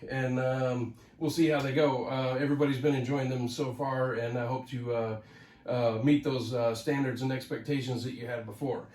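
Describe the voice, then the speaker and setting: A man who hosts a record-collecting channel talks casually and solo to the camera, rambling with lots of fillers and restarts and sounding a little nasal from a head cold. His mid-range voice has a darkish tone, recorded from a distance with a roomy sound.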